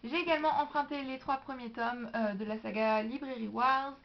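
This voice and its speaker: A woman's voice: fairly high pitch, normal speed. A young woman with a French accent chatting enthusiastically about library books in a casual vlog. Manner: chatty and enthusiastic, lively asides. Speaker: book vlogger. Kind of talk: casual book haul vlog. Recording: dull, lo-fi home video sound.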